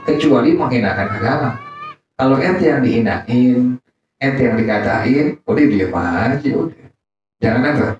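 A man's voice: medium pitch, lively intonation, normal speed, a little hiss or hum. A male Islamic teacher giving a religious study sermon in casual colloquial speech, mixing in Arabic quotations and quizzing his congregation call-and-response style. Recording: echoey distant dull recording.

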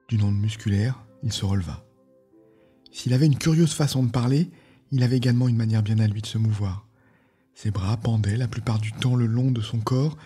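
A male podcast host reading a fantasy novel aloud in a calm, measured narration. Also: on the low side, slightly rough.

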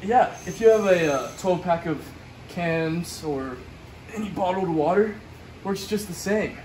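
A man's voice: sits high, animated, unhurried, a little mellow, a little hiss or hum, poor audio. A young man with a playful, joking manner, showing chest exercises at home. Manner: playful, bro-ish banter while exercising. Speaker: workout vlogger. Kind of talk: joking workout demo. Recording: music playing underneath. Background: background music.

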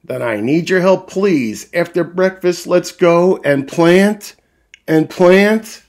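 A man voicing a cheerful, excitable cat in a tall hat, reading in a bouncy, rhyming sing-song. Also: high-pitched, takes it slowly, exaggerated voice. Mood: excited.

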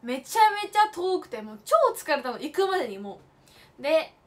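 High-voiced chatty young woman streamer. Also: big pitch swings, fairly quick. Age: late teens. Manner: chatty storytelling with playful emphatic asides; switches between polite and slangy casual speech. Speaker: idol livestream host. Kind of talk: casual livestream chat.

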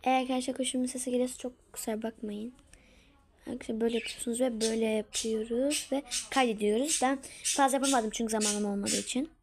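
A chatty woman with a fairly high voice walks her viewers through a casual tutorial from home, speaking to them as friends. She often sinks into a near-whisper while she works, then comes back to full voice. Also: fairly even intonation, quick pace, background noise. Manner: drops to a whisper while working. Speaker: tutorial maker.

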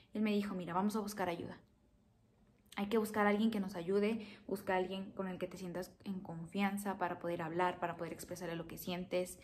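Young woman vlogger, earnest and emotional, mid-pitched voice, personal story to camera. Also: darkish tone. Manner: earnest and emotional, repeating phrases.

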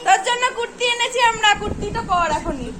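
A woman's voice: extremely high pitch, fast, crowd noise. A young woman chatting casually to her viewers in a vlog. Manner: chatty, addresses viewers directly. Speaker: vlogger.

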